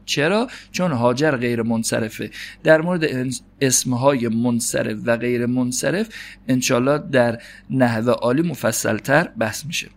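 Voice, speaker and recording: A man giving an Arabic grammar lesson. He reads the Arabic text slowly and explains it quickly, asking questions and answering them himself. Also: mid-range voice, vocal fry. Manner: slows down to read Arabic text, then explains quickly in Persian. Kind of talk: classroom lecture.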